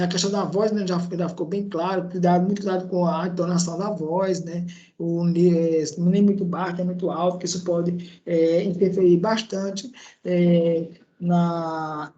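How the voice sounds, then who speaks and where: A man's voice: high voice, fairly even intonation, moderate pace, dark tone, dull audio. Chatty Brazilian man teaching online. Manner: conversational, frequent tag questions and hesitations. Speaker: instructor. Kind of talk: online lecture. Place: indoor room at a laptop. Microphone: laptop microphone.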